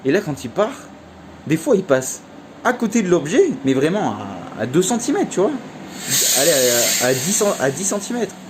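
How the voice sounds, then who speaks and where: A man's voice: a little high, very animated, moderate pace, noisy background. A young man telling a casual story in a vlog, chatty and slangy, full of fillers. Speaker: vlogger.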